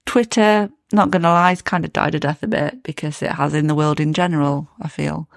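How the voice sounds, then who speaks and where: Gravelly-voiced chatty podcast co-host. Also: medium pitch, steady tone, a little fast, dry recording, clean studio sound. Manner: chatty, laughs often. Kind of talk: casual chat.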